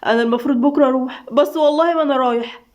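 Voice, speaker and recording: A woman with an Egyptian accent voicing an easygoing, joking young man who speaks quickly. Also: high voice, natural voice. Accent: Egyptian Arabic. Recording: dull lo-fi recording.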